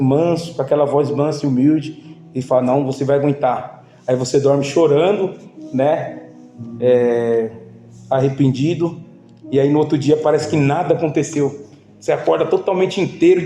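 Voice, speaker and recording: A man preaching to his congregation in a loose, heartfelt way, speaking to them as brothers. His voice sits a little high but sounds mellow and dark. The room is echoey, with faint music underneath. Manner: informal, emotional, addresses the congregation as brothers. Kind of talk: sermon. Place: church.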